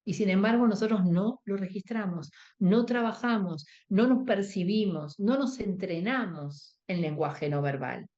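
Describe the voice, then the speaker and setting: A workshop instructor with a Rioplatense Spanish accent explains emotional first aid step by step in a warm, mid-range voice at a measured pace with few pauses. She acts out quoted dialogue and asks her listeners for agreement. The audio sounds dull.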